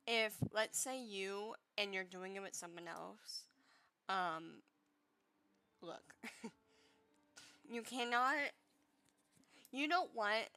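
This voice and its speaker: A woman's voice: mid-range voice, pushed and bright, smooth. A young woman with a congested, stuffy voice chatting casually over gameplay, rambling with many fillers and the odd swear as she gives advice. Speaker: gaming vlogger giving advice.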